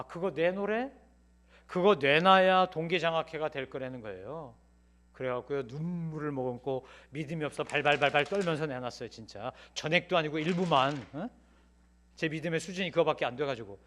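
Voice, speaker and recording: A middle-aged man preaching a Sunday sermon in a church, telling personal stories and swinging from loud pleading to hushed asides. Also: fairly high pitch. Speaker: pastor. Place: church sanctuary.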